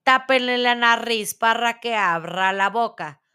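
A woman storyteller voicing a cruel, commanding grand witch who barks shrill orders in a storybook reading. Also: unhurried, pushed and bright, clear, resonant tone. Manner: shrill, barking orders at her followers.

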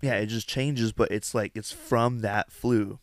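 A man's voice: on the low side, fairly even intonation, a little slow, no room sound. A man chatting casually as a podcast co-host, explaining things in a rambling way and peppering his sentences with "like". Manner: says "like" a lot. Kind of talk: casual chat.

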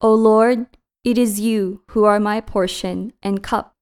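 A woman gives a liturgical reading with a smooth, clear voice. She takes her time, phrasing each line carefully and solemnly at a medium pitch. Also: fairly even intonation, slow pace, darkish tone. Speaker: scripture reader. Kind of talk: liturgical scripture and psalm reading.

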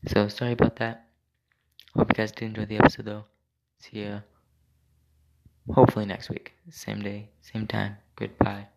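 A man hosting a tabletop game show and talking casually over a low quality stream from a computer voice call. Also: little pitch movement, normal speed, vocal fry. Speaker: game master and show host. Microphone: computer mic over online voice call. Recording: roomy, noisy low-quality online voice chat.

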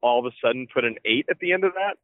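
A man's voice: medium pitch, lively intonation, racing, dry recording. Man on a tinny flip phone call. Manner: laid-back, swears freely, many fillers. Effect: heard over an old flip phone call. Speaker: guest calling in by phone. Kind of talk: casual chat. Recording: tinny phone line, dry.

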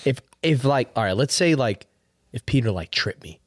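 A man's voice: mid-range voice, expressive, normal speed, no echo, studio quality. A man in his late twenties chatting casually on a podcast, slangy and repeating himself, with lots of "bro" and "man". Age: late 20s. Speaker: podcast co-host. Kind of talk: casual chat.

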